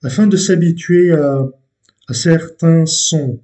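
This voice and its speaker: A man teaching a language lesson, explaining step by step in a deliberate way with frequent hesitations and repeated words. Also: on the high side, warm tone.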